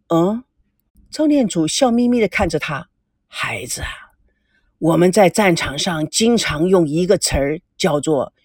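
Lady putting on a low, slow old dad type, knowing and calm, dry close sound. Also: slightly rough, no echo, heavily acted. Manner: slow, soft, lowered voice. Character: older fatherly man, calm and scheming.

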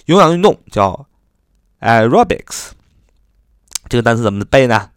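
A male teacher runs an English vocabulary lesson, his pitch jumping around lively as he explains. He spells words slowly letter by letter and sprinkles his talk with casual fillers. The sound is close and dry, with no room around it. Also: smooth, no room sound. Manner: frequent "啊" fillers, chatty.

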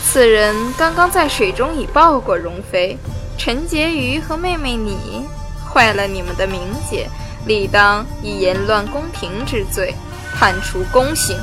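A woman's voice: mid-range voice, animated, a little slow, lightly acted. A woman voicing a haughty young imperial consort who gives orders with open contempt. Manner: commanding, contemptuous. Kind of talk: audio drama acting. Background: music.

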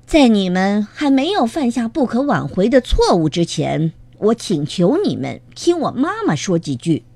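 A woman's voice: mid-range voice, big pitch swings, moderate pace, vocal fry, a little mellow, no echo. A woman voicing a curious young hen girl in a storybook, eager and childlike.

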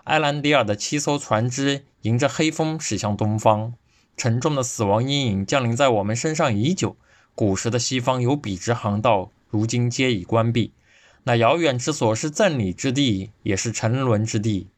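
A man's voice: medium pitch, normal speed, no echo. A man presenting a scripted podcast lecture, reading steadily and evenly from his notes into a close microphone.

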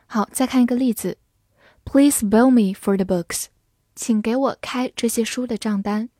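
A woman English teacher giving a scripted vocabulary lesson, spelling words letter by letter and reading example sentences slowly. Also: mid-range voice, darkish tone, no echo, clean studio sound.

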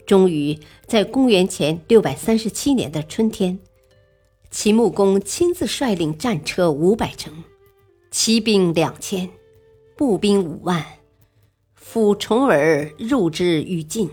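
A woman narrating a serialized history story in a slow, dramatic storytelling manner. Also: mid-range voice, animated, mellow, breathy edge, soft background music.

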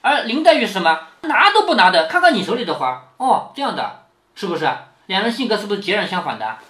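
A man reads his daughter a classic novel and explains it, speaking fast in a high-pitched voice. He stays lively, voicing quoted lines and regularly checking in with rhetorical questions. There's a roomy echo on the recording.

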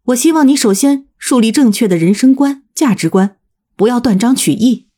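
Woman doing a male teacher, firm and measured, raised pitch, husky, audiobook. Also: animated, warm tone. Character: male university teacher, composed but stung.

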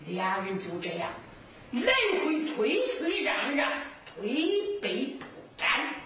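Woman storyteller, Henan accent, sung-spoken folk narration, high wide-ranging voice, slow, very echoey distant noisy recording. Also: sing-song, a bit bright.

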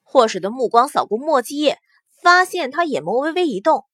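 A woman reads a novel aloud in a high, lively voice. Her storytelling is expressive, and the recording is close and completely dry. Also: fairly quick, husky, no echo. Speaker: narrator. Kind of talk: scripted audiobook narration. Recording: dry close studio sound.

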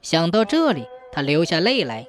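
A woman narrating a folk tale in a steady, expressive storybook reading. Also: on the low side, moderate pace, faint music behind.

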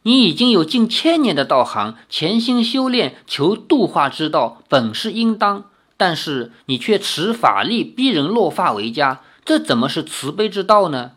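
A reader voicing a gentle, composed young sorceress who admonishes calmly and patiently. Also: mid-range voice, moderate pace.

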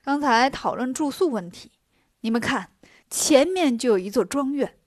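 Woman voicing prim male monk master, fussy, lecturing, high-ish, dry. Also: expressive, moderate pace, no room sound.

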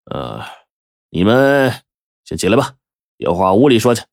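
A man's voice: lowish voice, sing-song, measured pace, creaky, no echo, clean studio sound, heavily acted. A man voicing a scheming, ruthless male village militia captain who talks in a drawling, officious and menacing way.

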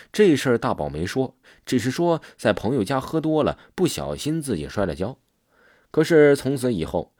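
A man telling a village ghost story in an animated storytelling manner. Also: lowish voice, no room sound, studio quality.

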